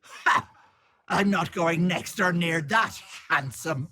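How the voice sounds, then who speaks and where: A woman's voice: lowish voice, slow pace, bright, forceful tone, soft background music, exaggerated voice. An actress playing a wicked old hag who poses as a sweet auntie in a video game, switching between sugary and sly, menacing talk. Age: older. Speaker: game character.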